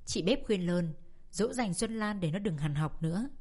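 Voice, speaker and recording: A woman narrating a family drama in a steady, expressive audiobook reading. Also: on the low side, moderate pace, slightly rough.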